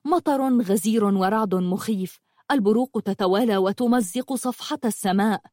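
A woman narrating a fantasy story in an expressive reading style. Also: mid-range voice, normal speed, no room sound, clean studio sound.

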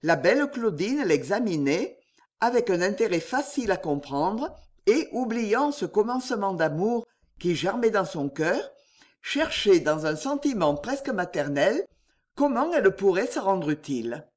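An audiobook reader narrating a classic novel in an expressive storytelling manner. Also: medium pitch, unhurried.

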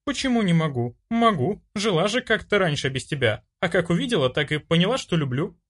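A man's voice: high-pitched, very animated, a little fast, a bit bright, pitched above the performer's own voice, exaggerated voice. A man voicing a brash, self-assured young woman in an audiobook, bossy and pushy. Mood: insistent.

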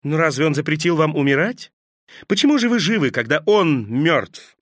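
A man's voice: a little high, sing-song, normal speed, no room sound, clean studio sound. A man voicing Judas, a bitter, furious male disciple who hurls impassioned, scornful accusations. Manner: impassioned, scornful, rising to shouts.

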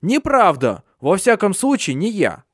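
A man's voice: a little high, big pitch swings, normal speed, darkish tone, no room sound, clean studio sound, voice pushed up. A man voicing a handsome, cowardly young soldier who insists he is blameless in an audiobook. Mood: frantic. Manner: defensive, self-excusing.

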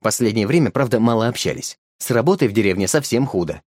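A man narrating a storybook in a lively, expressive reading. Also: medium pitch, quick pace, no room sound, studio quality.

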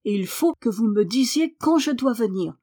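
A woman's voice: fairly high pitch, expressive, moderate pace, warm tone. A woman reading a firm, willful little girl. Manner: firm, earnest.

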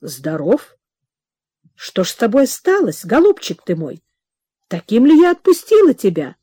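A woman's voice: fairly high pitch, wildly swooping pitch, unhurried, warm tone, breathy edge, dry recording, studio quality, exaggerated voice. A woman reading the part of an anxious, tearful older country mother, emotional and sighing. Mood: tender worry.

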